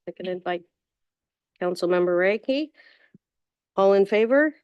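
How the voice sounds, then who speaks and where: A woman's voice: medium pitch, animated, measured pace, clean tone, no room sound, highs cut off. A woman chairing a city council meeting, calling for motions and votes in a brief, matter-of-fact way. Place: council chamber.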